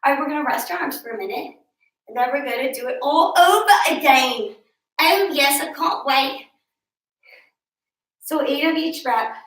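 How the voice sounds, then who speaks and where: A woman's voice: high voice, lively intonation, normal speed, pauses often, a bit bright. A woman leading a home workout, counting reps aloud and making chatty, joking asides between sets. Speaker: fitness instructor. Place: room at home with a mirror. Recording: roomy echo, from a distance.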